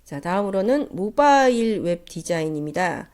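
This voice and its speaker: A woman's voice: medium pitch, very animated, moderate pace, a little mellow. A woman lecturer with a nasal, stuffed-up cold voice, giving a polite, explanatory lesson. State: congested with a cold. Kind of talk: instructional slide lecture.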